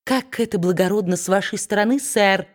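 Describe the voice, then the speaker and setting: A woman voicing a fawning, sycophantic male lawyer who flatters his master at every turn. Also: medium pitch, brisk, close to an everyday voice.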